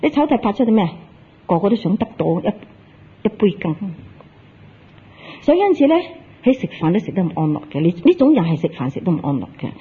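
A Buddhist preacher gives a Dharma talk in a very raspy, husky voice. The delivery is animated, with a pitch that leaps up and down while the teacher acts out dialogue and quizzes the listeners. The sound is thin and tinny, like a lo-fi phone recording. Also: fast, long pauses. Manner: animated storytelling, acting out dialogue and tossing questions at the audience.

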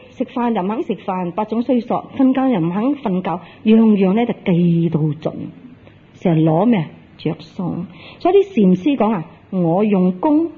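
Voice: medium pitch, slightly rough. A Buddhist teacher giving a Dharma talk, telling a Zen story, acting out its dialogue and putting questions to the audience. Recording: tinny, lo-fi phone-like recording.

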